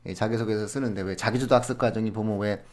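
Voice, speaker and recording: A man on an education podcast, telling classroom stories in an animated way and laughing often as he gives advice. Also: lowish voice, fast talker. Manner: animated storytelling with frequent laughs; explains in a friendly advising way. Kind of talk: conversational podcast talk.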